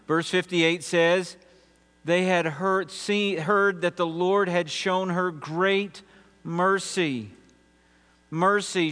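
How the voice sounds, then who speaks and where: A man preaching a sermon as pastor, measured, with emphatic pauses between phrases. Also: fairly high pitch, a bit bright, clear, resonant tone. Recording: long reverb with mains hum.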